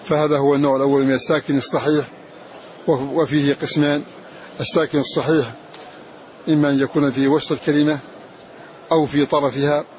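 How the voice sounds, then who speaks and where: A man's voice: a little high, level tone, darkish tone. Man teaching recitation rules, muffled recording. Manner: repeats example words slowly and deliberately, drawing them out. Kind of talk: recorded lesson explaining a recitation poem. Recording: dull lo-fi recording with faint hiss.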